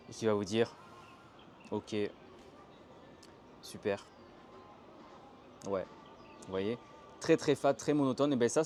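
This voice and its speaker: With his mid-range voice caught against slight background noise, this young man from France chats his way through a relaxed Mandarin tones lesson. Filmed outdoors beside a canal in a Chinese city on a handheld tripod camera, he performs the intonations he's describing in a lively, animated way.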